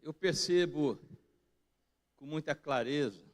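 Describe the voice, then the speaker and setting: A Brazilian pastor preaching in a church, his voice sitting high for a man. He speaks slowly and deliberately, with a Brazilian Portuguese accent, dropping into quiet reflection and then rising to loud, emphatic peaks. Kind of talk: sermon. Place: church sanctuary.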